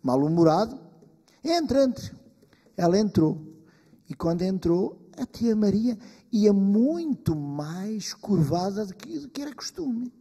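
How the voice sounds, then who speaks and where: A man telling a folk tale on stage with a high, mellow, husky voice. His telling is lively and animated. The hall around him rings with long reverb. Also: measured pace. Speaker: storyteller.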